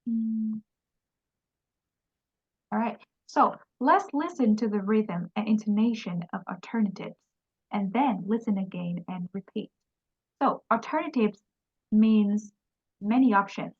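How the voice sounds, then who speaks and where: A woman's voice: mid-range voice, takes it slowly, long pauses, slightly rough, dull audio. A woman teaching an English lesson, patiently explaining and repeating example phrases.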